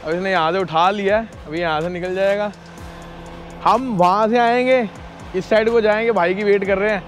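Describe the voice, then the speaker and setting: Faint music plays behind this Indian trucker vlogger, whose voice sits high and moves at a moderate pace. Animated and relaxed, he addresses viewers as brother while chatting to them from his truck cab and a snowy outdoor yard.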